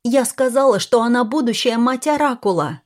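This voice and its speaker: A woman voicing an agitated, defensive woman who has been keeping a secret, shrill and pleading in a storybook reading. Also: expressive, normal speed, natural voice.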